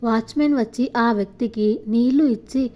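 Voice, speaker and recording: A woman storyteller reading a scripted story in a steady, even manner. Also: a little high, normal speed.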